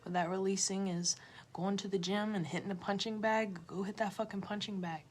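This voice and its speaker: A woman tarot reader giving an emotional motivational pep talk to viewers on a livestream, repeating herself and swinging between loud urging and a hushed near-whisper. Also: mid-range voice, steady tone, fairly quick, slight background noise. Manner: repetitive, direct address to viewers.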